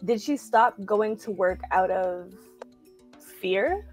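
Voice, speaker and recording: A woman's voice: medium pitch, lively intonation, slow pace, darkish tone, soft background music. A woman from Jamaica raised in Canada, hosting an interview in an upbeat, chatty way. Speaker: interview host. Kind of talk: talk show interview.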